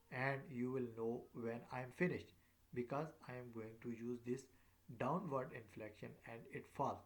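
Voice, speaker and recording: A man teaching English intonation in a recorded lecture, speaking haltingly with many fillers and repeated words. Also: mid-range voice.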